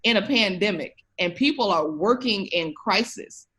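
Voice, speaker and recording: A woman guesting on a podcast as an education researcher speaks at a moderate pace in a mid-range, fairly bright voice with lively intonation. She addresses the listener directly, sounding emphatic and encouraging.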